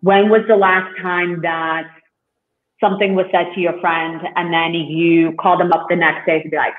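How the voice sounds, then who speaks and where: A man from Russia, a guest in an interview, talking in an earnest, halting way with many fillers. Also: fairly high pitch, little pitch movement. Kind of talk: interview conversation. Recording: echoey, phone-like call line.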